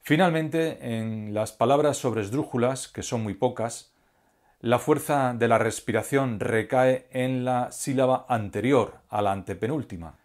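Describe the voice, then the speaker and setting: A man giving a scripted grammar lesson as a teacher, speaking slowly and deliberately and spelling out syllables one by one. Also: mid-range voice. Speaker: language teacher.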